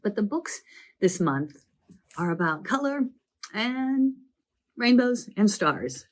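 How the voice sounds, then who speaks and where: Croaky from a summer cold, a woman who works as a children's librarian runs a library program, telling the story of every book with lively, chatty energy. Her voice is mid-range, and she goes slowly.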